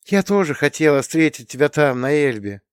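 A man voicing an affectionate, shy young wife who speaks softly and bashfully. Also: a little high, lively intonation, moderate pace, clean tone, no echo, clean studio sound, voice pushed up, close to an everyday voice. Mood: tender. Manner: soft, bashful.

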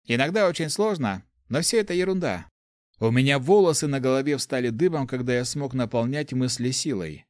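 A man's voice: mid-range voice, animated, brisk, a little mellow, dry recording, clean studio sound, voice pushed up, close to an everyday voice. Curious young light mage Ari, read by a man.

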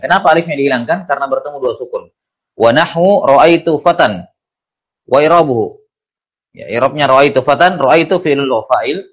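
Man teaching Arabic grammar from a classical text. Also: medium pitch. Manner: reads Arabic text slowly, then explains it in quick Indonesian; asks the class questions and answers them himself. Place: study class.

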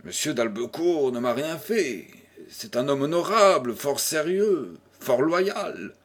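A man's voice: a little high, expressive, slow pace, breathy edge, exaggerated voice. A man voicing a proud young widow who firmly refuses a marriage, in a storybook reading. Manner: firm, slightly ironic.

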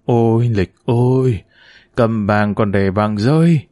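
A man's voice: mid-range voice, expressive, brisk, darkish tone, no room sound, clean studio sound, close to an everyday voice. A man reading the part of a frail, grieving old mother who speaks weakly and laments in a storybook reading. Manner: weak, moaning, lamenting.

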